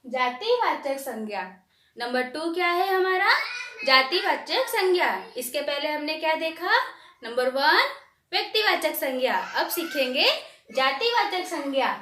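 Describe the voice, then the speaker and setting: A woman teaching young pupils a grammar lesson, dictating definitions slowly and asking questions she answers herself. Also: high voice, animated, bright, forceful tone, roomy sound.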